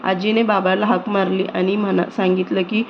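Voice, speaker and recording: Woman reading a story in a flat voice. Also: medium pitch, normal speed. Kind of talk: scripted story narration. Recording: dull lo-fi recording with faint noise.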